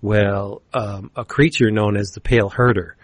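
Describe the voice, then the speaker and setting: A man co-hosting a comics podcast, retelling a story in a casual, animated way and acting out the characters' lines. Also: on the low side, normal speed, no echo. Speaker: podcast co-host reviewing comics.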